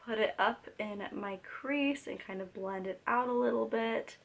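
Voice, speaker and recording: Hoarse from a cold, a young woman talks unhurriedly through a makeup tutorial at home, her voice on the high side. The chat is casual and rambling, packed with fillers like "um" and "like" and sentences that start over.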